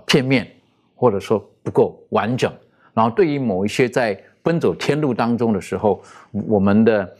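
A man explains scripture in an easygoing conversational manner. His low voice is a little husky, and his pitch swings widely as he leans on key words and repeats phrases for emphasis. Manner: repeats key phrases, many fillers and restarts. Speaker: Bible teacher.

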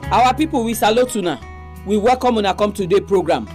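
A female radio presenter with a Nigerian accent introduces a religious programme in Nigerian Pidgin. Her voice sits at a medium pitch, with music playing behind it. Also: animated, fast.

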